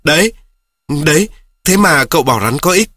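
A stubborn little schoolboy fires back at his friend in a raised, quick, insistent voice, as a man puts him on for a storybook reading. The voice is husky. The recording is dry and close. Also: fairly high pitch, lively intonation, sharp tone, dry recording, pitched above the performer's own voice. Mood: heated, scornful. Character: feisty schoolboy arguing hotly with his friend.

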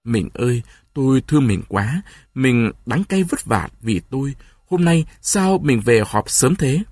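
A man's voice: mid-range voice, big pitch swings, fast, husky, dry recording, studio quality. A man playing a desperate, sorrowful peasant husband who speaks in an anguished, pleading way, in a storybook reading.

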